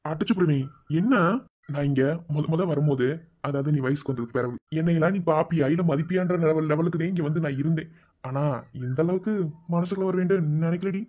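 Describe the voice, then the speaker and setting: A woman's voice: low-pitched, fast, mellow, lo-fi sound. A woman voicing a teasing young village man in love, bantering and scolding fondly in Madurai Tamil for a cartoon. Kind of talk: cartoon voice acting.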